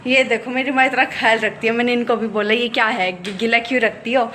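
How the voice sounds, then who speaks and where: A woman's voice: fairly high pitch, fairly even intonation, fast talker, a bit bright, low-quality recording. A young woman vlogging about her day in a casual, chatty way, ranting about small troubles. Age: young adult. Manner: chatty, complaining rants. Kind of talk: casual day-in-my-life vlog.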